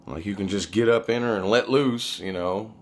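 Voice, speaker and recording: Speaking at normal speed in a fairly low voice, a man rambles through personal stories, confessional and casual like a vlogger. He's blunt and profane throughout.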